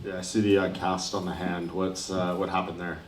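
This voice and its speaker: A man's voice: sits low, level tone, brisk. A man asking questions as a reporter at a press interview. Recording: echoey, distant mic, background noise.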